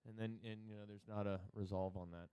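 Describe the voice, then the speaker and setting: A man's voice: fairly low pitch, fairly even intonation, fairly quick, warm tone, smooth. A man with a New Jersey accent, co-hosting a casual chat about metal albums and rambling through jokes and side stories. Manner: rambling, joking, with exaggerated quoted voices. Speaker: podcast co-host.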